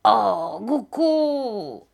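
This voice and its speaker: A woman's voice: fairly high pitch, big pitch swings, drawn-out words, pitched above the performer's own voice, heavily acted. Mad old rag dealer, male, ferocious and drunken, shrieking sing-song wails, played by a woman.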